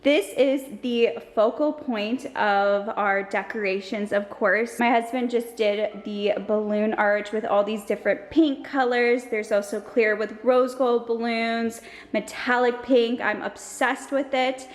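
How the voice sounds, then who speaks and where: A young woman vlogs to camera indoors at her family house, chatty and bubbly and slightly out of breath. Her voice is a little high with a steady tone at a measured pace, and the sound is roomy.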